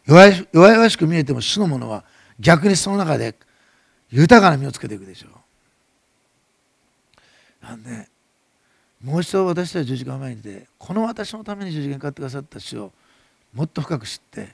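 A middle-aged male pastor with a Nagasaki dialect preaches with a high, gravelly voice at a quick pace. He swells to loud passages and then drops soft. The sound is dry and close. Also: big pitch swings, no room sound. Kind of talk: sermon.

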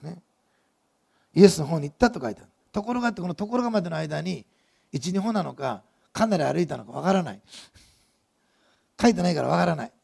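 A man preaching with a husky, breathy voice that sits high for a man. He tells the scene like a lively story, turning to the congregation with questions. There is a gravelly fry in his tone. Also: quick pace. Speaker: pastor. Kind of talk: sermon.

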